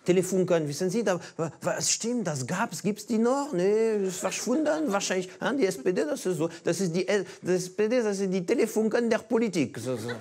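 A man's voice: high voice, lively intonation, fairly quick, few pauses, a little mellow. French-accented man doing playful stand-up. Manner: playful, mock-naive, teasing. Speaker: comedian and show host. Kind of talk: stand-up monologue and street interviews. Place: small cabaret stage with audience. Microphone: lapel mic.

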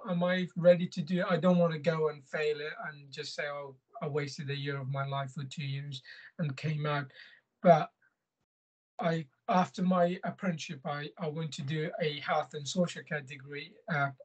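A young man from Afghanistan, English not his first language, talks haltingly over a laptop webcam call, full of fillers and restarts. His voice is husky and sits a little high for a man. He is at home in a small room. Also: fairly even intonation, poor audio. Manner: hesitant, many fillers and restarts. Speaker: scholarship student and boxer. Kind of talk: casual video call. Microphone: laptop webcam, video call.

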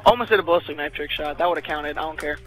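High-voiced young guy, bright and bouncy, always laughing while gaming. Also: fast, soft background music, low-quality recording. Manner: laughs a lot, excitable. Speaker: friend playing along. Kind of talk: casual gaming chat.

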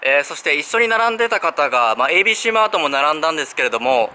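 Rapid-fire and lively in pitch, a male sneaker vlogger in his thirties narrates a casual walk-and-talk along a busy street. His handheld camera at arm's length picks up street noise, while his easygoing speech is thick with fillers and "ne" tags.

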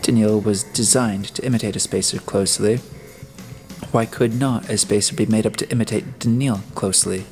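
A man's voice: on the low side, fairly even intonation, moderate pace, darkish tone, soft background music, lightly acted. A man playing a suspicious male detective who questions and gives orders bluntly. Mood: commanding suspicious. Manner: blunt, commanding, probing.

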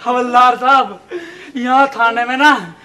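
A man's voice: extremely high pitch, takes it slowly. A man playing a sly Haryanvi informer. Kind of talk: comedy sketch acting.

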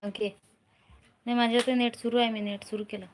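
A woman's voice: fairly high pitch, level tone, fairly quick, a little hiss or hum. A middle-aged woman from Maharashtra, chatting casually on a live stream and repeatedly urging viewers to join and comment. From Maharashtra, India.

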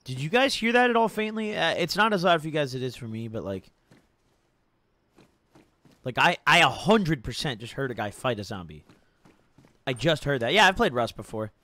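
A young adult man chats casually on a gaming live stream, full of frat-bro slang, free swearing, and laid-back hype, calling everyone "bro," "dude," and "boys." His voice is a little high, animated, and sharp, at normal speed with frequent pauses and no echo.

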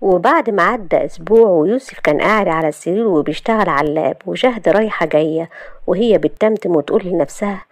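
A woman's voice: on the low side, fast, no room sound. Brief: Egyptian woman narrator, friendly romance reading, close dry sound. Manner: intimate, friendly to listeners. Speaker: storyteller.

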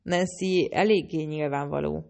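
A woman reads an audiobook as a first-person storyteller. Her voice is very low and carries a gravelly, creaky texture throughout. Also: fairly even intonation, darkish tone. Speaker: audiobook narrator. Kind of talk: audiobook narration.

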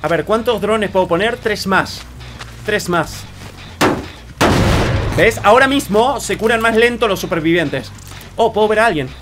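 A young man with an Argentine accent commenting on his own gameplay, excitable and quick to shout or laugh. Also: high-pitched, music in the background. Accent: Argentine Spanish. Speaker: streamer.

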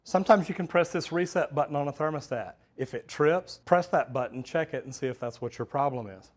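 Speaking a little fast with a fairly high pitch, this middle-aged plumber walks viewers through a hands-on demonstration in a metal-walled storage unit. He's practical and plain-spoken, addresses his audience as "guys," and is recorded on a lapel mic.

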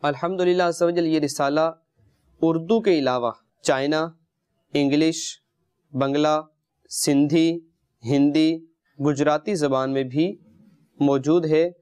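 A man with a slightly high, darkish, smooth voice and fairly even intonation pauses often as he tells religious stories and moral lessons to children, recorded dry with clean studio sound. As host of a children's programme, he sits on a carpet among the kids on an indoor studio set. His manner is didactic, often speaking to his listeners directly with questions and pet phrases.

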